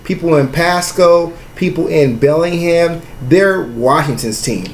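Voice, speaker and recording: A man's voice: on the high side, measured pace. A man from the US Pacific Northwest hosting a casual conversational interview, slangy and discursive in his talk. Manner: slangy, discursive, often says "you know what I mean". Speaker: podcast host, interviewer. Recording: roomy echo, faint background noise.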